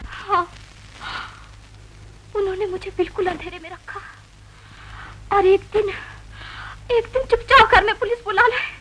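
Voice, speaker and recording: Wronged wife Sheela. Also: female voice, extremely high pitch, a little slow, long pauses, pushed and bright, a little hiss or hum, full character voice, rough recording. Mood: tearful. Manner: earnest, pleading. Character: wronged young wife Sheela, tearful but proud. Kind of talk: 1940s film acting.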